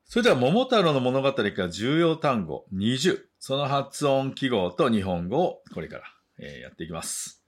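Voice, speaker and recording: A man teaching English, reading a story line by line in two languages and then slowly modeling words for learners to repeat after him. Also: mid-range voice, very animated. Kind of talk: bilingual story reading and pronunciation drill.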